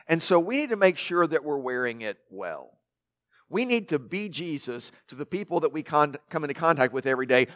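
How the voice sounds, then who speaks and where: A pastor preaches a sermon from the pulpit in a loud voice that sits a little high for a man. He drives his points home with rhetorical questions and stacked lists, his voice rising and falling as he builds.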